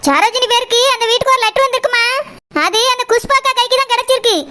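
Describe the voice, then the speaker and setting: A bright, very high cartoon daughter, played by a woman, talks fast and soothingly. She explains things at length. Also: fairly even intonation, a little hiss or hum. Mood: explaining. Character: grown daughter Saroja, anxious, soothing.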